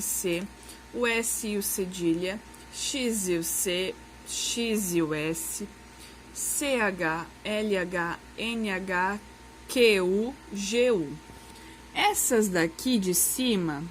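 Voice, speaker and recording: Brief: woman teaching a children's grammar lesson, unhurried, a little high-pitched, faint room noise. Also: low-quality recording. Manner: patient, explains slowly, asks "tá?" after each point.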